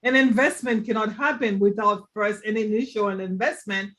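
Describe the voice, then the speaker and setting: High-voiced man hosting a money chat. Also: steady tone, normal speed, a bit bright. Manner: emphatic, checks agreement with repeated "right?". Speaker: host of money talk show. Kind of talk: casual panel chat. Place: live online video chat.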